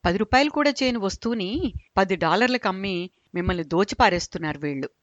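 A woman voicing an elderly father who grumbles loudly and argues with his son about prices. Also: high voice, animated, fast, no room sound, dull audio. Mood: lamenting. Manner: grumbling, argumentative.

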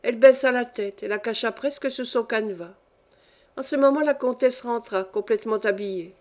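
A woman's voice: fairly high pitch, moderate pace, a little mellow. Woman narrating a classic tale. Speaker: audiobook reader. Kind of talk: scripted literary narration.

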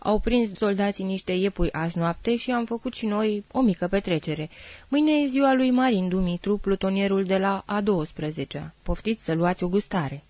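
A woman's voice: mid-range voice, a little mellow, dry recording, natural voice, poor audio. A woman voicing a courteous male army sergeant inviting an officer to a meal, in a dry audiobook read.

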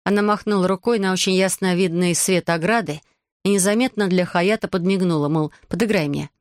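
A woman reading a fantasy audiobook in an even storytelling manner. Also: lowish voice, a little fast, dry recording, clean studio sound. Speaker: audiobook narrator. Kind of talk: scripted fantasy audiobook narration.

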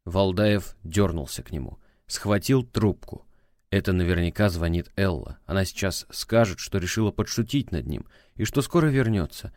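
Low-voiced man narrating an audiobook. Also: expressive, moderate pace, a little mellow, no echo, clean studio sound. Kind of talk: scripted narration.

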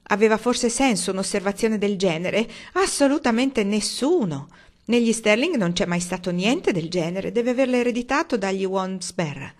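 A woman voicing a gruff, indignant old uncle. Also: mid-range voice, animated, normal speed, close to an everyday voice. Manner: grumbling, indignant, loud.

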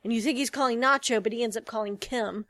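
A woman's voice: fairly high pitch, quick pace, a bit bright, no echo. A woman co-hosting a podcast, chatting loosely about a TV episode, rambling and correcting herself as she goes. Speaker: podcast co-host. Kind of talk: casual TV episode discussion.

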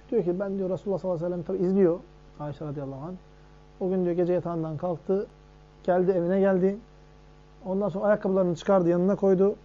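A man giving a religious lesson on hadith. He reads Arabic passages quickly and explains them with questions to his listeners. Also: high-pitched, mellow. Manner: reads Arabic text fast, then explains it in Turkish with questions to the audience. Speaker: hadith teacher. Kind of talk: lecture on hadith. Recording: dull lo-fi recording.

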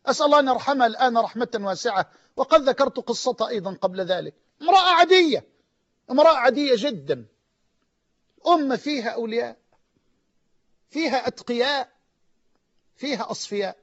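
A man with an Egyptian accent preaching an emotional sermon, swinging from near-shouts to low, hushed lines. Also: expressive, fast talker, pauses often. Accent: Egyptian Arabic. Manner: impassioned, rising to near-shouts and dropping low. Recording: dull lo-fi audio.

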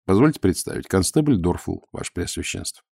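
A man's voice: low voice, sing-song, a little fast, creaky, darkish tone, breathy edge, dry recording, heavily acted. A man voicing a dry-humoured male watch commander who speaks in an understated, amused way.

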